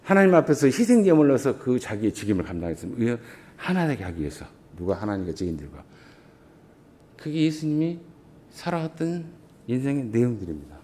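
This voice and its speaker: A man's voice: sing-song, a little fast, mellow, a little hiss or hum. A middle-aged male pastor preaching a sermon in a church, emphatic and full of rhetorical questions. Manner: emphatic preaching with big swings in pitch and volume. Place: church sanctuary.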